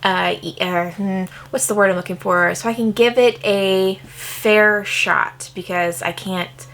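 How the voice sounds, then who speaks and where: A woman's voice: mid-range voice, steady tone, a little slow, fairly bright tone. A woman chatting casually to camera from her room, rambling with fillers and correcting herself as she goes. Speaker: craft vlogger. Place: bedroom set up for filming.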